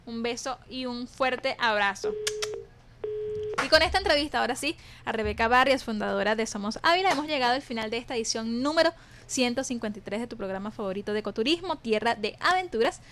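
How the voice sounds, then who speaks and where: A Venezuelan woman hosting a radio show, signing off with brisk on-air patter. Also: on the high side, expressive, a bit bright, slight background noise. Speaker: radio host.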